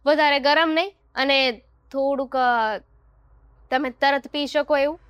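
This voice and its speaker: A woman's voice: high voice, fairly even intonation, measured pace, fairly bright tone, dry recording, highs cut off. A woman acting a put-upon young daughter-in-law who answers back sarcastically in a family drama. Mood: sarcastic.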